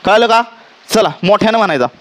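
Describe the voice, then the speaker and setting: Against a noisy background, a Marathi-accented man with a voice that sits high gives a physics lecture to a classroom. He regularly asks if the students understand and dictates definitions slowly.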